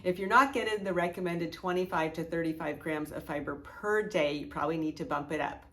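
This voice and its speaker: A woman's voice: on the low side, brisk, a bit bright. A middle-aged woman hosting a cooking video, giving friendly, chatty step-by-step instructions. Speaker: cooking show host. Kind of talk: recipe demonstration.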